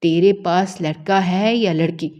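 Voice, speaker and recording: A woman voicing a cruel, angry village father who shouts harshly and scornfully in a storybook tale. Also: lowish voice, highs cut off, lightly acted. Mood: furious.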